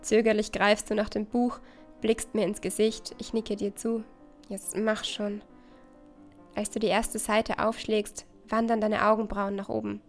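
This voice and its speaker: A woman's voice: mid-range voice, level tone, normal speed, faint music behind. A woman reading a second-person story aloud in an intimate, conversational way.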